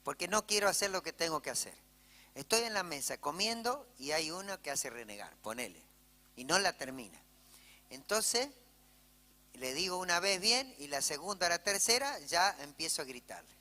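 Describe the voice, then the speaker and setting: Church hall reverb surrounds this Argentine-accented pastor as he delivers a sermon in a fairly high, very animated, bright and forceful voice at moderate speed. He narrates conversationally, frequently pausing for a "¿sí?" to the congregation.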